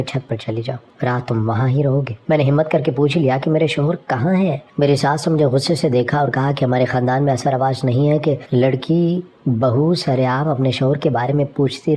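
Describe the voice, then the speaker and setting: A woman tells a first-person moral story in a steady, plain reading voice. Her tone is dark and mellow, and a faint hiss of noise sits under the voice. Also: very deep voice.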